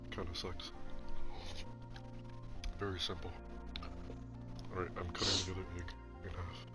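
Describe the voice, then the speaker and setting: A young man with a very low voice chats through a meal, sniffling and slurping noodles between sentences. Music plays clearly behind him. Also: flat delivery, normal speed. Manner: chatty, talks while eating and slurping noodles. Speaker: podcast host. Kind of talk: casual mukbang chat.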